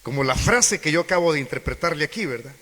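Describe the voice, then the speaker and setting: Animated male preacher in an echoey hall. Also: on the high side, fast. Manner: animated, acts out quoted voices, asks congregation questions. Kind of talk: sermon. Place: church hall.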